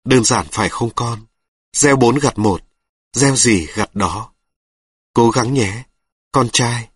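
A man reading reflective prose aloud in slow, measured scripted narration. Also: mid-range voice, breathy edge, no echo, studio quality. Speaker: reader of an audiobook.

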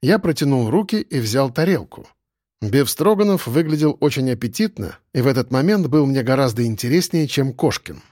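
A man's voice: mid-range voice, expressive, normal speed, a little mellow, dry recording, clean studio sound. A man reading a first-person audiobook as narrator, in a wry, matter-of-fact way.

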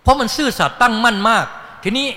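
A man's voice: very high voice, fast, bright, forceful tone. A man teaching a Buddhist dharma talk in a folksy storytelling manner, acting out little voices as he goes. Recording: long hall reverb.

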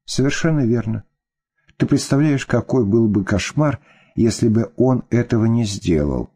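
A man's voice: mid-range voice, expressive, moderate pace, warm tone, slightly rough. A man voicing a weary, embittered woman, an ex-wife and mother who speaks firmly and with scorn. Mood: scornful. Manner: firm, scornful.

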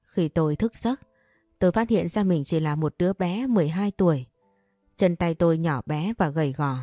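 Low, mellow woman narrating a story. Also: no echo, studio quality. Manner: measured, calm storytelling. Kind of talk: scripted audiobook narration. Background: faint music.

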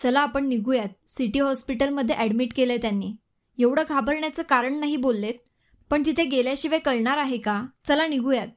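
A woman voicing a middle-aged father, calm yet pressing, in a family audio story. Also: high voice, a little fast, lightly acted. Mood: urgent. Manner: calm but urgent.

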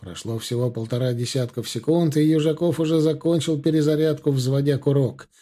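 A man's voice: on the high side, steady tone, brisk, dark tone. A man narrating a military adventure story as an audiobook in a dramatic storytelling manner. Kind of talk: scripted narration.

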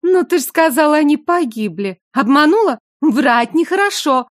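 A woman's voice: high-pitched, animated, normal speed, no echo, studio quality, voice pushed up. Woman voicing a sly, crude serving girl. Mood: indignant. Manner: sugary on the surface, crude and spiteful underneath. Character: coarse scheming young serving girl, secretly a bandit.

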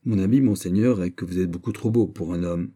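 A male reader voicing an earnest young courtier, measured and respectful, in an audiobook. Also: deep voice, dark tone, husky. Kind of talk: audiobook character reading.

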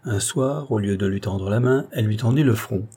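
A man reading a classic novel aloud as an audiobook narrator, steady and expressive. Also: on the low side, normal speed, breathy edge.

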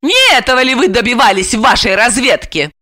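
A woman voicing a fiery young housewife heroine in an audiobook, loud, sarcastic and high-pitched. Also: very animated, fairly quick, no echo. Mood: indignant, mocking. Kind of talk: audiobook character voice.

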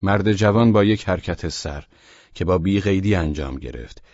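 Very deep husky male narrator. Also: lively intonation, darkish tone, no echo, muffled recording. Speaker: audiobook narrator. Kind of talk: scripted audiobook narration.

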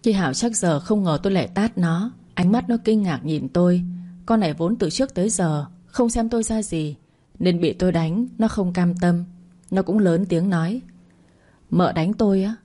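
A woman reads a first-person story aloud at a steady, calm pace. Her voice is low and warmly mellow, with a soft, unforced delivery. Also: normal speed. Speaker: story narrator.

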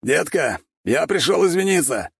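A man's voice: on the high side, big pitch swings, moderate pace, gravelly, slightly rough, no echo, studio quality, pitched above the performer's own voice, full character voice. A man voicing a brash, arrogant young wolf thug who growls threats in an audiobook. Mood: swaggering.

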